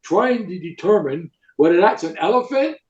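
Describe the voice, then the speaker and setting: An older man, a retired football coach, telling rambling, animated stories in a podcast interview and tagging lines with "right?" and "okay?". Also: high voice, normal speed. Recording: echoey room, dull lo-fi sound.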